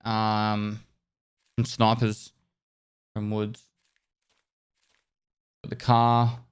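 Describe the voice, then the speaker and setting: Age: adult. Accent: Australian. Sex: man. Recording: livestream headset mic, relaxed hesitant chat. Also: mid-range voice, clean tone. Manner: relaxed, trailing off with hesitations while thanking viewers. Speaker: gaming streamer. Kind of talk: casual livestream chat while gaming.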